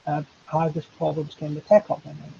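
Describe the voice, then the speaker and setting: A Turkish professor speaks on a webinar panel in a gravelly, mellow, slightly high voice that stays monotone. His speech is halting, full of fillers and restarts. The video call audio sounds dull, with a faint hiss underneath.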